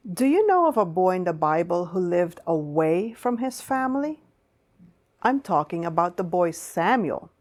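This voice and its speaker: Slow, animated woman telling children's stories. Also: mid-range voice. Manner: kids show host, addressing children with questions. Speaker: children's Bible story presenter. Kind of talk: storytelling lesson for children.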